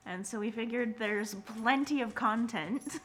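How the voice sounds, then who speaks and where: A woman's voice: a little high, a little slow, a little hiss or hum. A woman co-hosting a casual podcast, sober and playful, with a dry wit and easy giggles. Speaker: podcast co-host. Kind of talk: casual chat.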